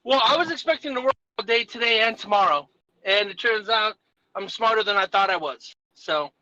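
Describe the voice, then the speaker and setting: A man joking on a casual podcast chat while travelling, his voice thin and tinny with no bass, as if in a tin can far away. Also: a little fast, pushed and bright, no echo. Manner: joking, teasing, laughs often. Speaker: podcast co-host. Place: on the way back to a hotel.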